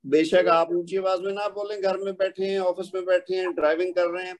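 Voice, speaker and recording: A man teaching an online Quran recitation class, patiently explaining pronunciation and slowly demonstrating stretched syllables over a video call. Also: high voice, level tone. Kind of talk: online tajweed class instruction.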